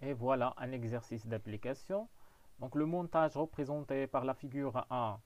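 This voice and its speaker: A physics teacher, giving a classroom lesson and explaining step by step, often saying "donc" and "voilà". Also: male voice, mid-range voice, a little mellow, dry recording. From Morocco.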